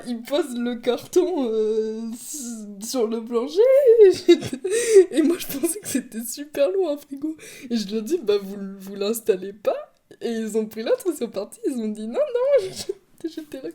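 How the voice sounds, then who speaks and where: A young woman from France chats through her podcast from home, rambling and correcting herself as she goes, laughing often. Her voice sits fairly high but has a soft, mellow tone. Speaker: podcast host. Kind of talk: casual chat. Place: home room.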